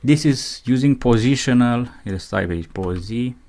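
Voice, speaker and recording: A man's voice: medium pitch, darkish tone, slight background noise. A man teaching programming in a screencast, reading out code step by step as he types it, with keyboard clicks behind him. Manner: dictates code as he types, slow and methodical. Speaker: programming instructor. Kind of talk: screencast coding tutorial.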